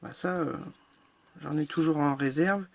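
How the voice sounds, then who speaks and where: A woman's voice: low voice, measured pace, creaky. A woman hosting a casual crafting tutorial, chatting frankly and narrating each step as she works, with lots of fillers. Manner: self-deprecating and frank.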